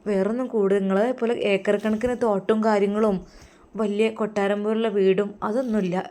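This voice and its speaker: A woman's voice: medium pitch, fairly even intonation, a little fast, mellow, lightly acted. A woman voicing a talkative, worried elderly mother. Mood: explaining. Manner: chatty, explaining at length.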